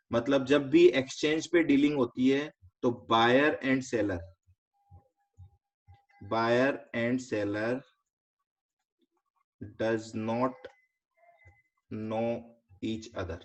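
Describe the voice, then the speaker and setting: A man with an Indian accent teaching a finance lesson step by step, quizzing students and mixing in English terms. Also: medium pitch. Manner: explains step by step, asks students quick check questions; mixes English terms into explanation. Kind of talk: online class lecture. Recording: slightly dull lo-fi recording.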